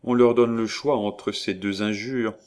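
Man reading as proud young noblewoman, haughty, passionate, a bit low. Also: fairly even intonation, measured pace, darkish tone, smooth, close to an everyday voice. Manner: haughty, impassioned.

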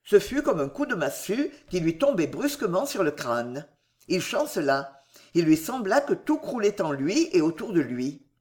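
A man narrating a novel in an expressive, theatrical audiobook style. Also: high voice, moderate pace.

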